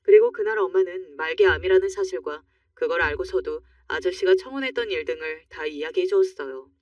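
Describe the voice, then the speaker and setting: A woman narrating a true-life story in the first person, calm and confiding, in storytelling style. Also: fairly low pitch, no echo. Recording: dry, muffled, slightly distant.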